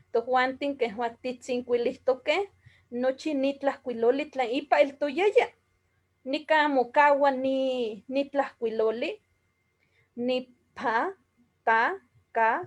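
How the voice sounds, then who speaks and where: Woman teacher, high voice, unhurried, breaks words into single sounds for the class. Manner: slow, deliberate, spelling out sounds one by one. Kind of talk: explaining a writing system.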